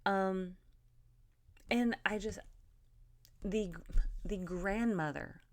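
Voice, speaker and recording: A woman's voice: mid-range voice, extremely slow. A woman giving a casual spoken book review, thoughtful and meandering, with many fillers and restarts.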